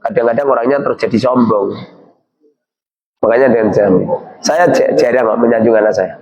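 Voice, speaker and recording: A man's voice: mid-range voice, moderate pace, a little mellow, rough recording. A middle-aged man with a Javanese accent teaching a kitab class, reading Arabic phrases and explaining them with joking asides. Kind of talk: pesantren sermon with Arabic reading and translation. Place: pesantren hall with students.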